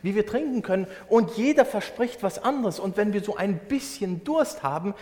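A German pastor preaching in a conversational way, explaining a Bible verse with everyday examples. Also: male voice, high-pitched, animated, moderate pace, a little mellow. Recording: long hall reverb.

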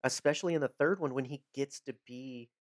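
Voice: mid-range voice, brisk, no echo, studio quality. A podcast co-host in a casual movie chat, rambling and searching for words.

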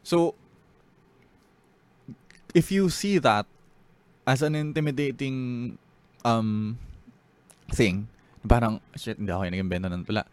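Talking unhurriedly and pausing often, a Filipino-accented spoken word poet from the Philippines has a medium-pitched voice with no echo in the recording. On the podcast he mixes English and Filipino, alternating between casual talk and poetry readings.

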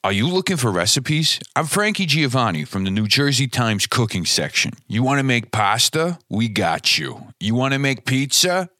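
A man's voice: mid-range voice, sing-song, normal speed, few pauses, bright, forceful tone, dry recording, clean studio sound. A man playing a brash, pushy male cooking columnist in a mock ad, blunt and mock-threatening.

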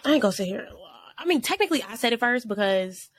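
Woman podcast co-host, bright higher voice, dry sound, chatty and scattered storyteller. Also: animated, fast, dry recording. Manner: rambling storytelling with many likes and restarts, laughing. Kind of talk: casual chat.

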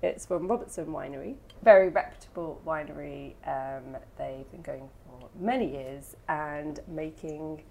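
Woman hosting a wine pod, lower voice, giggly, describes flavors a lot. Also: measured pace, vocal fry, few pauses, dark tone. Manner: laughs often, describes wines vividly. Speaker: podcast co-host. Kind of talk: casual podcast chat.

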